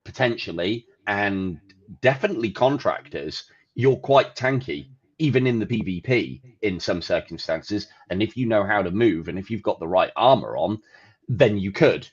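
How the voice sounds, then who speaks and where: Low-voiced man ranting about games. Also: moderate pace, breathy edge, lo-fi sound. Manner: profane, animated, ranting. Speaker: podcast co-host. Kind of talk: casual gaming chat.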